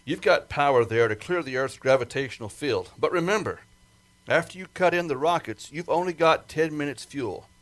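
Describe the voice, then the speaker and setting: A man's voice: fairly high pitch, animated, normal speed, a bit bright. Man acting an insistent rocket project chief. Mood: stern, cautioning. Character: gruff, careful male rocket project chief briefing his pilot. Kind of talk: amateur retro 1950s sci-fi radio play acting.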